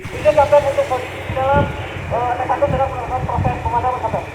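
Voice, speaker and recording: Guy reporting over a two-way radio like a field communicator, really high pitched, noisy echoey transmission. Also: steady tone, quick pace. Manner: clipped radio protocol, calls "Kapten" at every turn. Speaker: firefighter team member in a drill.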